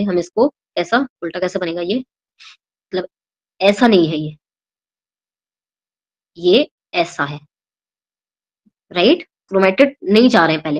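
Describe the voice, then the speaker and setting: In this muffled recording, a young Indian woman's medium-pitched voice leads a biology lesson for exam preparation. Switching between Hindi and English, she walks through each step and asks her students whether they're following after every point.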